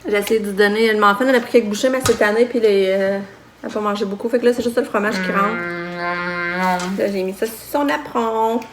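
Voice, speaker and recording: A woman's voice: on the high side, fast talker, a crowd in the background. A young woman with a Quebec French accent, casually narrating a home vlog and chatting with her toddler. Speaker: mother vlogger. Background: background music.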